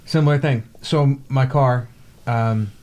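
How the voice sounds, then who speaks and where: A man's voice: mid-range voice, fairly even intonation, takes it slowly, a little mellow, dull audio. A man co-hosting a casual podcast who complains bluntly and swears often. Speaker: podcast co-host. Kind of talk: casual chat.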